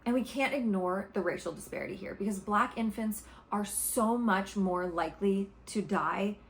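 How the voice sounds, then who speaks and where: A woman vlogger talking straight to her viewers, making an argument with emphatic repetition and passion. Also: medium pitch. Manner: passionate, emphatic, repeats points for stress. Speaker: political commentary vlogger. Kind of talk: opinionated direct-to-camera commentary.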